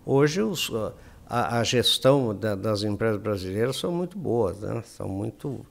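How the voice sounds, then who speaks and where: Brazilian guy w a gravelly voice, rambles on as a podcast guest, tag questions everywhere. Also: on the low side, lively intonation, moderate pace. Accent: Brazilian Portuguese. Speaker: guest, anthropologist and speaker. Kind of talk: casual interview chat.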